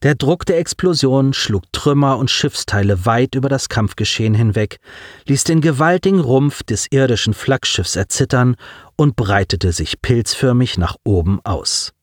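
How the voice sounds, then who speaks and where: A man's voice: mid-range voice, expressive, a little slow, no echo, studio quality. A man reading a science-fiction audiobook with dramatic narration.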